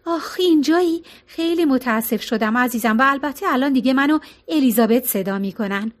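An affected, elegant older woman pouring out formal sympathy, as a female reader puts her on. Her high voice gushes in this audiobook scene. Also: lightly acted. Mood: gushing. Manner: gushing, formal condolences. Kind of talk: audiobook character reading.

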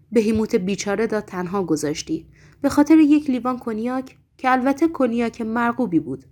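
Behemoth, a gruff talking tomcat, as a woman puts him on. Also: medium pitch, a little mellow, natural voice. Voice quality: rough, gruff voice. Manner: melodramatic, self-pitying.

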